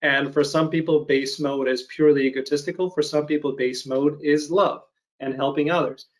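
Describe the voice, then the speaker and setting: A man in his thirties from Ukraine hosting an interview over a video call, talking in a thoughtful, measured way with frequent pauses. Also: on the high side, steady tone, poor audio. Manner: thoughtful, measured, hesitant with fillers. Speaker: podcast host. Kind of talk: casual interview chat.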